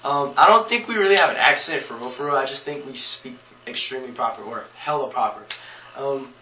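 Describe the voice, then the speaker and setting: A relaxed man with a Californian accent chats through a casual vlog, slangy and loose, with plenty of ums and you-knows. His voice is bright and forward. It rings a little in an echoey room. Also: mid-range voice, a little fast, slight background noise. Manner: laid-back, slangy, many fillers. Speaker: vlogger.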